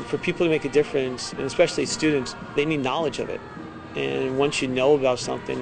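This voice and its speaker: A man's voice: medium pitch, vocal fry, rough recording. A middle-aged man, a teacher, telling his story and explaining in an interview style. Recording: music behind the voice. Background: music.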